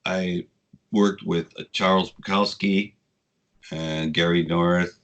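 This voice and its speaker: A man in his sixties, a guest telling casual, rambling stories with frequent swearing, getting animated when he quotes people. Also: deep voice, takes it slowly, lo-fi sound. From United States. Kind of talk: casual storytelling interview.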